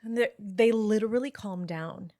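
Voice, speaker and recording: In a relaxed podcast chat, a money coach speaks at a moderate pace with a medium pitch. She's animated, casually swearing and doing voices to imitate her clients.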